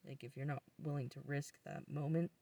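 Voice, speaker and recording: Gravelly-voiced hesitant man podcaster. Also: on the high side, little pitch movement, a little fast, warm tone, distant mic. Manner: hesitant, thoughtful, many fillers. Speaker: podcast co-host. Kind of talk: casual chat.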